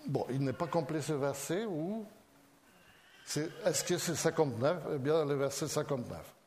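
A man's voice: a little high, lively intonation, moderate pace, darkish tone, slight background noise. A man preaching a sermon. He talks in a hesitant way, often loses his place and repeats himself. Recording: long reverb of a large hall.

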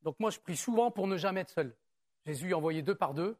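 A man's voice: high voice, expressive. Conversational man preaching a sermon. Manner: conversational preaching with rhetorical questions, switching between tu and vous; reads scripture aloud in a slower, measured voice. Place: church service.

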